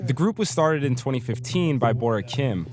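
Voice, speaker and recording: A man's voice: medium pitch, animated, normal speed, loud music behind the voice. A male reporter narrating a documentary and chatting with his interviewees in an upbeat, friendly way. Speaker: host and reporter.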